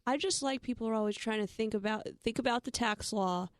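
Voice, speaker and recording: A woman co-hosting a financial talk show, explaining listener questions in a brisk, enthusiastic way. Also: a little high, dry recording, clean studio sound. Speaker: financial radio show co-host. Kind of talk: casual talk radio chat.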